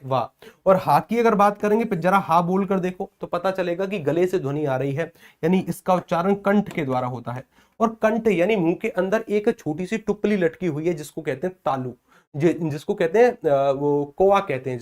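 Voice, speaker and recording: A man lectures his exam-prep class in a lively, playful manner. His voice sits a little high. He keeps asking a question and answering it himself. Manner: playful, acts out village celebration chants. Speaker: Hindi teacher.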